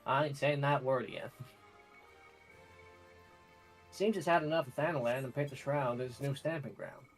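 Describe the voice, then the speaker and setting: A man reading a gruff, folksy adventurer informant's game dialogue aloud in a drawling manner. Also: medium pitch, moderate pace, faint music behind, close to an everyday voice, low-quality recording.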